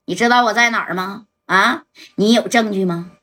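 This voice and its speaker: A woman's voice: medium pitch, normal speed, a bit bright, lightly acted. A woman voicing a shady male gang boss who squeezes his throat to disguise his voice, taunting and defiant.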